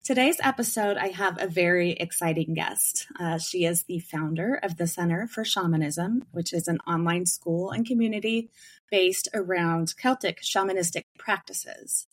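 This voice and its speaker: A woman's voice: fairly low pitch, normal speed. A woman hosting a podcast interview, friendly, with hesitant fillers and light laughter. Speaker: podcast host.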